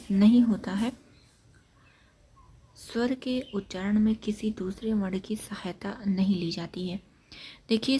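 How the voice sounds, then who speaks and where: Breathy woman teaching a grammar class. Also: mid-range voice, mellow. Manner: repetitive, explains points step by step. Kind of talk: exam-prep grammar lesson.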